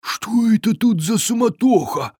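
A storyteller voicing a greedy, not very clever, always hungry forest troll who mumbles in a high, whiny voice. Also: animated, measured pace, darkish tone, breathy edge, no room sound, clean studio sound. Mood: grumbling.

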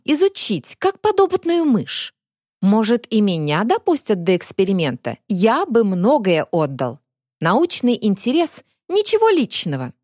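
A sneering middle-aged inspector, cold and villainous, mocking and theatrical as he taunts, put on by a woman reading an audiobook. His pitch swings widely, and the recording is dry and close. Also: darkish tone, no room sound, exaggerated voice.

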